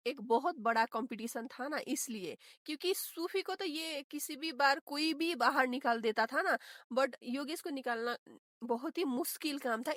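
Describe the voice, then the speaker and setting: High-voiced gossipy young woman commentator. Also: no room sound, clean studio sound. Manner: gossipy, exclaiming, mixes English words. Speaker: reality show commentator. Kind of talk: casual reaction commentary.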